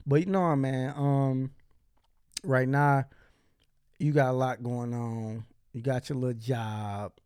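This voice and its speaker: A man's voice: mid-range voice, steady tone, slow, darkish tone, smooth, no room sound, studio quality. A man hosting a podcast in casual chat, blunt, profane and teasing his guest. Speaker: podcast host.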